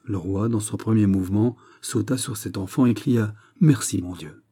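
Male audiobook narrator, low and dark voice, husky, measured reading of a classic novel. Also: fairly even intonation. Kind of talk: scripted narration.

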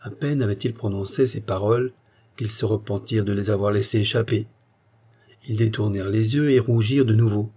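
A man narrating a short story in a calm, measured manner. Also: on the low side, slightly rough. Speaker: audiobook narrator.

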